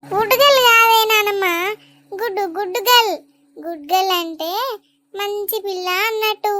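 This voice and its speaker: A sweet, chattering young granddaughter from a village, as a woman puts her on, with a very high, childlike voice. She pleads and babbles to her grandmother. The dub is dry and close-miked. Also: normal speed, bright, forceful tone, no echo. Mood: coaxing. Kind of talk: animated village comedy dub.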